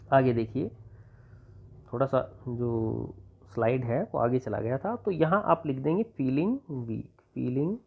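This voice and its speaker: A man's voice: mid-range voice, very animated, creaky, slightly rough. Man, teacher from Rajasthan, exam-prep grammar lesson, patient and repetitive, thin lo-fi audio. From Rajasthan, India. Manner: patient, repeats points, dictates examples slowly. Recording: tinny phone-like sound.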